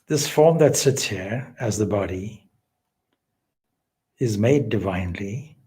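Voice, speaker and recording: With a fairly low pitch and a dark, expressive tone, a male spiritual teacher leads a guided meditation. His phrases are measured, deliberate, and solemn, broken up by long pauses.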